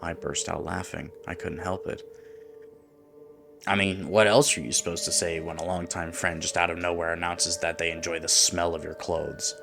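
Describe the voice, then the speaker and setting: A man with a very deep voice narrates a first-person horror story. His tone is gravelly, and his measured, hushed delivery sometimes drops into whispers. Music plays clearly underneath. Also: level tone.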